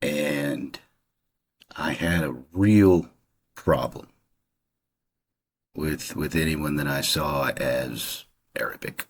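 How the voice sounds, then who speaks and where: Deep husky-voiced man musing aloud. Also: very slow, pauses often. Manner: rambling, conversational, many fillers and restarts. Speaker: channel host. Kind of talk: casual personal monologue.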